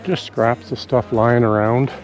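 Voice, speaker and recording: A man vlogging outdoors on a country walk, musing aloud in a relaxed, rambling way with pauses as he thinks. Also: medium pitch, faint music behind. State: out of breath after a steep climb.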